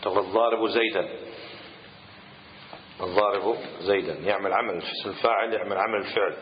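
A man teaching a grammar class. He explains patiently and reads word lists in a measured cadence. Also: low voice, steady tone, slight background noise. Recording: echoey hall, dull lo-fi sound.

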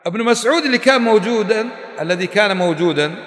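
A man's voice: high voice, animated, quick pace, fairly bright tone. A man giving a religious lesson to a class, quizzing his listeners with emphatic rhetorical questions. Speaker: religious teacher. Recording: echoey hall reverb.

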